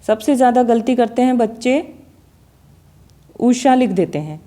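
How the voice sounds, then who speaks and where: A woman teacher gives a slow, careful grammar lesson, sounding out each example word again and again. Her voice sits a little high but has a mellow, dark tone. She speaks at an unhurried, classroom pace. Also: lively intonation. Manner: slow, deliberate, repeats example words to demonstrate sounds.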